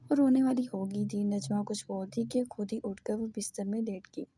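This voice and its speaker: A woman narrating a romance novel as an audiobook in a steady storytelling read. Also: mid-range voice, normal speed, a little hiss or hum.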